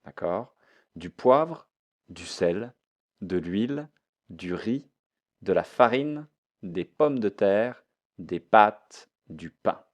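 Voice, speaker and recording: A man's voice: fairly low pitch, lively intonation, extremely slow, long pauses. A man teaching a French vocabulary lesson, repeating each word and mixing in English explanations.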